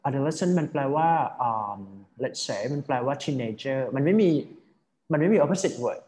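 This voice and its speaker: Slow-paced man teaching vocabulary. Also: on the high side, lively intonation, warm tone. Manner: explains word by word, often checks understanding. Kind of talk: English vocabulary lesson.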